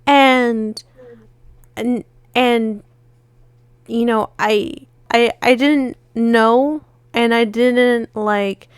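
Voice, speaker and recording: Smooth-voiced woman telling a rambling story. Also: fairly high pitch, no echo. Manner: rambling, retells with quoted dialogue. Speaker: podcast co-host. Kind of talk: casual chat, storytelling.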